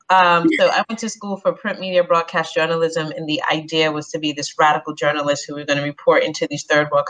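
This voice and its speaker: A woman from the Bronx, speaking as a panelist about her career in a measured, reflective way. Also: low voice, a bit bright. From New York City (Bronx). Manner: measured, reflective, frequent um fillers. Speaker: HR business partner, panelist. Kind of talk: panel discussion.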